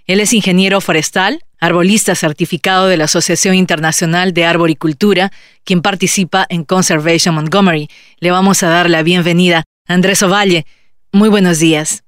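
A woman's voice: on the low side, steady tone, fairly quick, no room sound, clean studio sound. Woman hosting a radio interview. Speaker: radio host.

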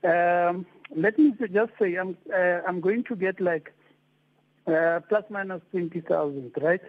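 A South African man calling in to a radio show over a phone line, asking hesitant, halting questions. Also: high-pitched. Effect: heard over a phone line. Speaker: radio caller.

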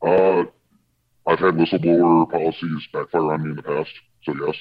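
A postal worker speaking through an electronically altered, disguised voice, answering interview questions in a matter-of-fact, halting way with fillers. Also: male voice, fairly even intonation. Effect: electronically altered, very deep disguised voice. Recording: muffled lo-fi video clip audio.

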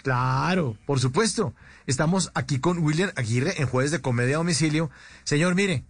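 A man's voice: a little high, moderate pace, breathy edge, no room sound. Upbeat man hosting. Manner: upbeat, chatty, prompting questions. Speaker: radio podcast host. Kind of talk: casual interview hosting.

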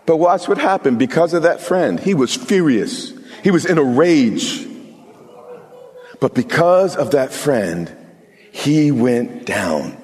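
A man's voice: fairly high pitch, big pitch swings, slow, darkish tone. Emphatic preacher man, reverberant hall. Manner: emphatic preacher, talks to the congregation, humor asides. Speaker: pastor. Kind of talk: sermon.

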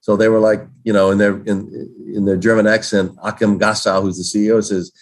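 A man answering interview questions in a folksy, relaxed way, with many fillers and restarts. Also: fairly low pitch, brisk. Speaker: guest, games organizer.

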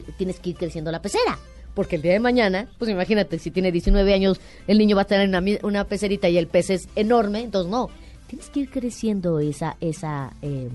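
Mexican lady lecturing on parenting, lowish voice, fires off questions, light music under it. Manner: animated, preachy, rhetorical questions. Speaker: author and guest. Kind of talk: emphatic parenting advice.

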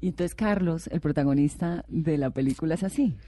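Quick-talking woman interviewer, playful. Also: deep voice, warm tone, dry recording. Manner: playful, teasing questions. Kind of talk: casual interview chat.

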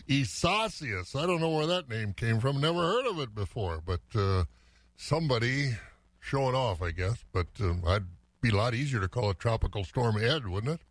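A man's voice: mid-range voice, lively intonation, normal speed, no room sound. Folksy American man chatting on morning radio. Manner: folksy, rambling, musing aloud. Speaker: morning farm radio host. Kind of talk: casual radio chat and weather report. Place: dry radio studio.

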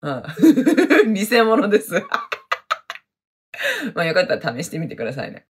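A woman hosts her podcast alone, chatting casually and laughing easily. Her voice is a little husky, and her pitch swings widely from low mutters to high, excited bursts. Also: a little slow. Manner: chatty, laughs often, breaks into sung jingles. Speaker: podcast host. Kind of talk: casual solo chat reading listener messages.

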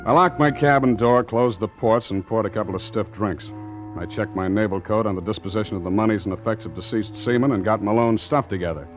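Slightly fast and on the low side, this natural-sounding male voice gives brooding narration as a hard-boiled, secretive ship's captain with a wry edge. The 1940s radio adventure recording is muffled, with music underneath.

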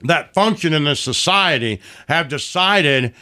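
A man with a bright, forceful voice, a little higher than most, tells stories in loose, foul-mouthed chat. He acts out the voices of the people in his stories as he goes. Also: a little slow. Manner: profane, animated storytelling with acted quotes. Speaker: podcast guest. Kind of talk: casual storytelling chat.

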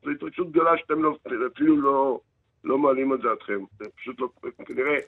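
A man's voice: medium pitch, creaky. A man with an Israeli accent who is a sports official being interviewed on live radio, arguing his case insistently and repeating words and phrases. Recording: tinny narrow phone-like line.

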